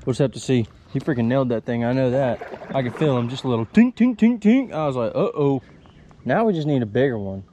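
A man's voice: medium pitch, animated, quick pace, dark tone, a little hiss or hum. Chatty young man fishing from a kayak. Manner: chatty, talks to the fish, mild exclamations. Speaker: fishing vlogger. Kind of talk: casual running commentary. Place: small kayak on a wooded creek outdoors. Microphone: chest-mounted action camera.

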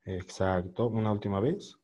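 Guy teaching english sounds on a video call, patient, says each word slow a few times, kinda raspy. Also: lowish voice, warm tone. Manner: patient, repeats words slowly for drilling. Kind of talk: online class instruction. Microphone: computer microphone on a video call.

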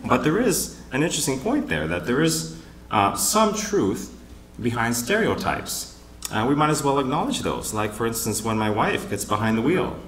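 A man moderating a panel at a conference, opening with wry, teasing jokes and pausing for laughs. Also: medium pitch, sing-song, echoey room, slight background noise. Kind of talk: joking conference emcee remarks. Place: conference hall with live audience.

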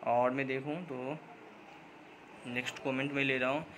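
Heard on poor audio with slight background noise, a man with a medium, fairly even, fairly bright voice hosts a job-update channel. He rambles through viewer comments in a casual vlog, full of fillers, restarts, and English words, and acknowledges he sometimes talks too fast.

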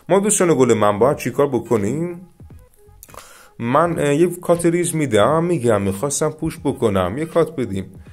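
A man with an Iranian Persian accent giving chatty, excited commentary on a mobile game, often addressing his viewers as dear friends. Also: fairly low pitch. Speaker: gaming YouTuber. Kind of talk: casual gameplay commentary.

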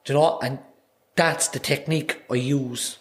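A singer-songwriter from Cork, Ireland, in his thirties, guests on a podcast with a mid-range, steady voice at normal speed, and a slight hiss or hum sits under the recording. His casual conversation rambles, with frequent restarts and repeated words. A boom-arm desk mic captures him in a small indoor studio.

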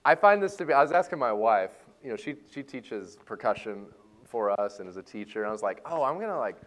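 A man leading a church music lesson for a class, joking and playful as he explains reading music and warming up voices. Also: on the low side, a little fast. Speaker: music teacher. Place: church hall.

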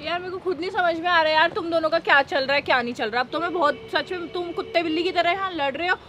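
A woman's voice: very high-pitched, fast, a bit bright, a little hiss or hum. A young woman chatting casually as a bewildered, soothing friend caught in the middle. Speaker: friend caught between the two. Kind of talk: casual chat.

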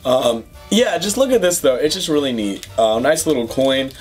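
Young guy hyped up doing an unboxing vlog at home, rambly and excited, bit of music in the back. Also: medium pitch, normal speed. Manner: excitable, chatty, lots of fillers and gushing. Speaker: YouTube host. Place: home room with puzzles on the wall.

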